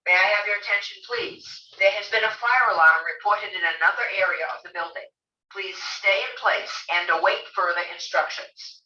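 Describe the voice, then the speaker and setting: An automated building announcement playing over a public address loudspeaker in formal, measured, repetitive phrasing. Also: medium pitch. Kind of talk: repeated emergency announcement. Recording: roomy, distant, dull PA loudspeaker.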